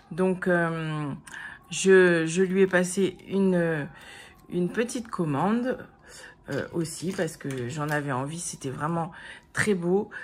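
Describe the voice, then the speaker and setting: A woman vlogger chatting casually to camera, slow and unhurried, often pausing on fillers and starting over. Her voice sits somewhat low, and she gushes enthusiastically about what she shows. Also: slightly rough. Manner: hesitant, many fillers and restarts; enthusiastic, gushing praise. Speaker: vlogger showing crafts and purchases.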